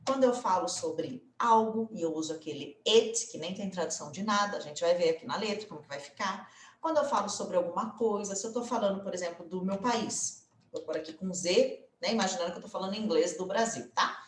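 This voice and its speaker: Speaking at a medium pitch with a Brazilian Portuguese accent, this woman gives a relaxed English grammar lesson on video. She chats along, adds frequent tag questions, and slows to spell out sample phrases, all in a roomy-sounding space.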